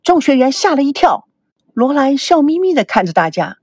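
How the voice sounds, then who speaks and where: A woman reading a story aloud as narrator, with expressive storytelling. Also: high-pitched, moderate pace, no room sound. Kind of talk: audiobook narration.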